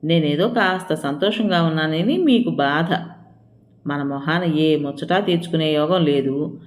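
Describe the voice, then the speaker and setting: A narrator reading an indignant young wife, snappish, sulky, raised pitch, audio story. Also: unhurried, slight background noise, close to an everyday voice. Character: resentful young wife, sharp-tongued and sulky.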